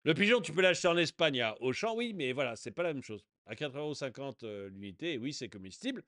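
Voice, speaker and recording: A man's voice: medium pitch, very animated, quick pace, fairly bright tone, no echo, clean studio sound. A man giving casual video commentary in a sarcastic, indignant way, often chuckling. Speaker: online commentator.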